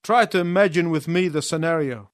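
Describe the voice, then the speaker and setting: Higher-voiced male preacher, dry close sound. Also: dry recording. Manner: storytelling, pausing in short phrases for the interpreter. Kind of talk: sermon with live interpretation.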